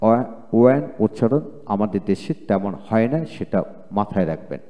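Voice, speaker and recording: A man's voice: fairly low pitch, normal speed. A man giving a recorded pronunciation lecture, drilling words by repeating them aloud. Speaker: English pronunciation teacher. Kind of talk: video lecture. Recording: muffled audio with long reverb.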